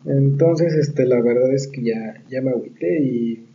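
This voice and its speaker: A man's voice: mid-range voice, measured pace, a little hiss or hum. Slangy Mexican man, distant and muffled. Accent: Mexican Spanish. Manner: slangy, profane, animated storyteller. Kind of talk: casual chat, storytelling.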